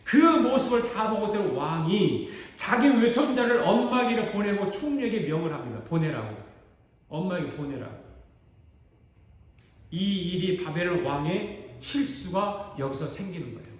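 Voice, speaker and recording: A man's voice: sits high, moderate pace. A man, a pastor, telling a story dramatically during a sermon in a church sanctuary. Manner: animated, dramatic retelling. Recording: echoey church hall.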